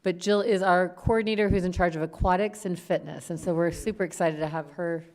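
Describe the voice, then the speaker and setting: Lower-voiced woman chatting through a city meeting presentation, casual, restarts a lot. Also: fairly even intonation, a little fast, darkish tone. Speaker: parks staff presenter. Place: city council meeting room.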